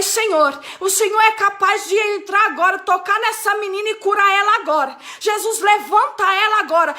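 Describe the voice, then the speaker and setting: A woman pastor preaches a testimony with a very high voice, acting out each exchange in lively storytelling. Her tone is bright and forceful. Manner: animated storytelling, acting out dialogue. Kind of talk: testimony sermon.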